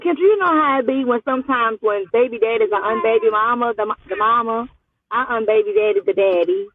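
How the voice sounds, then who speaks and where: A fairly quick, high-side female voice with no echo comes through muffled, phone-like audio. The caller, a Louisiana woman in her twenties sitting in a parked car, keeps the conversation casual, slangy, flustered, and evasive.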